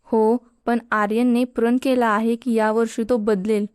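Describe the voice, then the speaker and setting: Woman doing a laid-back supportive student guy, mellow, smooth. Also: a little high, level tone, unhurried, dry recording, clean studio sound, lightly acted. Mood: easygoing. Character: easygoing supportive young male college student.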